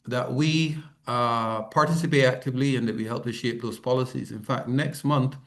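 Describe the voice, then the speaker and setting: A man speaks to a conference from his office over a video call. His pitch sits in the middle for a man. He presents in a loose, conversational way, pausing on ums and correcting himself as he goes. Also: steady tone. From Barbados. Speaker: head of a regional organization giving a talk. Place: office, not the venue. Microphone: remote video call.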